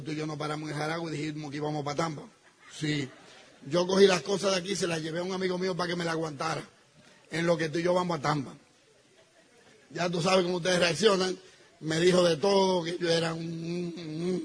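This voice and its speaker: A man telling an audience a personal story, acting out the dialogue and swinging between loud outbursts and hushed asides. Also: sits high, a little hiss or hum. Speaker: speaker telling his business story to an audience.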